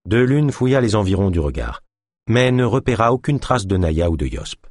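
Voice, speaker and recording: A man narrates a novel with a low, husky voice. His delivery is expressive, with pitch moving widely. The recording is dry and close, with no room sound. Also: normal speed, no room sound. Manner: expressive storytelling. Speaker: audiobook narrator.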